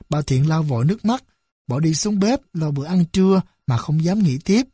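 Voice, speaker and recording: Audiobook narrator, mid pitch, husky texture, steady and expressive. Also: no echo, studio quality.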